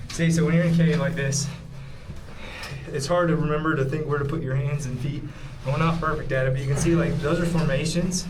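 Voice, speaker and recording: A man's voice: fairly high pitch, steady tone, fairly quick, poor audio. A man speaking informally and explaining things as he guides viewers through a cave for a vlog. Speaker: caving guide and video host. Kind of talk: casual vlog narration while exploring. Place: inside a cave.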